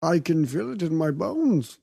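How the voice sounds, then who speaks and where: Woman putting on a slow, solemn immortal warrior, mock foreign accent. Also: low-pitched, sing-song, gravelly, mellow, breathy edge, voice pushed down, exaggerated voice. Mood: solemn, portentous. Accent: put-on mock foreign accent. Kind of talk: mock film-quote impression.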